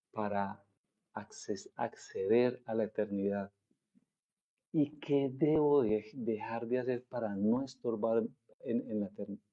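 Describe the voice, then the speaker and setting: A male pastor from Colombia with a Colombian Spanish accent, preaching a sermon slowly and deliberately, drawing out the scripture he quotes. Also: mid-range voice, muffled recording.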